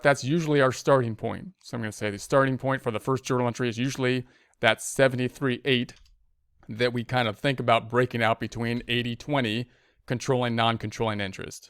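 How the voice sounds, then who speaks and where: An accounting instructor walks through a spreadsheet tutorial step by step, thinking aloud and repeating his phrases as he goes. His mid-range voice is smooth and a bit bright, captured in a dry recording.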